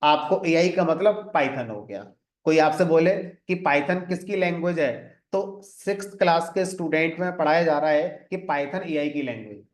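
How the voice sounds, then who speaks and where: A man's voice: a little high, moderate pace. Man teaching in an echoey room. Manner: explains step by step, often adds "ठीक है" to check in; mixes English terms into Hindi. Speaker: programming teacher. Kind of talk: classroom lecture.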